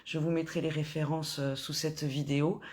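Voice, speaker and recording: A woman coaching spiritual followers in an informal talk, gently encouraging them while pausing often and restarting her sentences. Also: low-pitched, level tone. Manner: hesitant, full of pauses and restarts.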